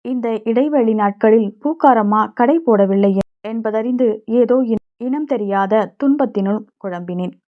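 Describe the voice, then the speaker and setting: A woman narrating a short story for an audiobook in a steady, measured reading, on a dull lo-fi recording. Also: fairly high pitch.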